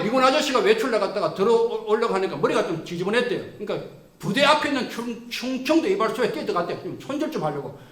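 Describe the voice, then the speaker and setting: Male lecturer, high and animated, acting out quotes in his stories, echoey lecture room. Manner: lively, acts out quoted people. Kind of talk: storytelling lecture.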